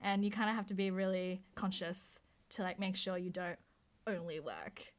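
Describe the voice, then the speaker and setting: A woman's voice: lowish voice, normal speed. Chatty woman motion designer. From Hong Kong, raised in Australia. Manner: chatty, lots of fillers and restarts. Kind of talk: interview answers.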